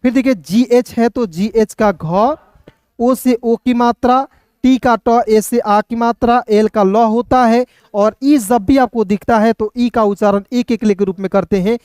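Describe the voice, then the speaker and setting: An online teacher giving a reading lesson, spelling words out letter by letter and then reading each one slowly. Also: medium pitch, steady tone, darkish tone, clear, resonant tone, no echo, clean studio sound. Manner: keeps addressing viewers as friends, asks and answers own questions.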